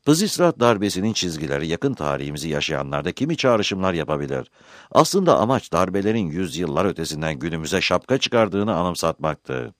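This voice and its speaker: A man narrating a scripted history documentary in a measured storytelling delivery with dramatic emphasis. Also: low voice, dry recording, clean studio sound.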